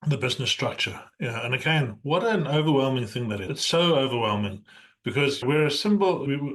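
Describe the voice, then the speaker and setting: A man's voice: mid-range voice, fairly bright tone. A man hosting a conversational interview, coaching and encouraging, often adding a rhetorical "right?". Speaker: podcast host and business coach.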